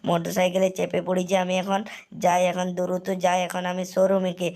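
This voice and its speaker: A woman's voice: fairly low pitch, completely flat delivery, a little fast, warm tone. A woman narrating a first-person game story in a rambling, repetitive way, speaking straight to viewers. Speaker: gaming channel narrator.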